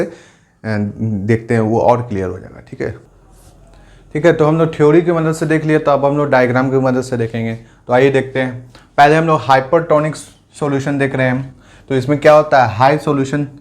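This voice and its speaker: A man teaching a biology lesson, who keeps asking questions and answering them himself and mixes English science terms into his speech. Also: mid-range voice. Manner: acts out short quotes of angry and calming friends. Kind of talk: classroom lecture.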